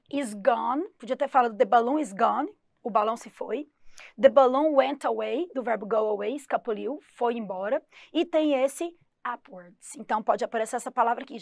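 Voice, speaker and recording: A woman English teacher from Brazil giving a lively exam-prep lesson, stressing English words slowly and clearly. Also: on the high side, dry recording, clean studio sound.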